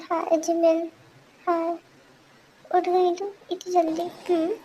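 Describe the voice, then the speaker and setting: Woman, high voice, slow delivery, amateur story reading, all characters herself, faint hiss behind. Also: completely flat delivery, warm tone. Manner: switches quickly between character voices, lots of hums. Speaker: fan story narrator voicing all characters. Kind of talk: amateur audio drama reading.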